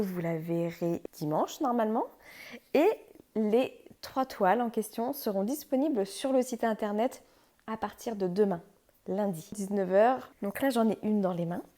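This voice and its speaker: A woman hosting a crafts channel, chatting casually and excitedly through an unboxing, often breaking into laughter. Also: medium pitch.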